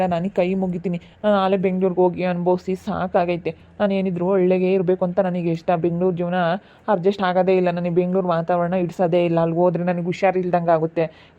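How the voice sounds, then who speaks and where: A woman's voice: lowish voice, muffled recording, close to an everyday voice. A woman playing a stubborn young husband who refuses to leave, speaking insistently. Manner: insistent, questioning.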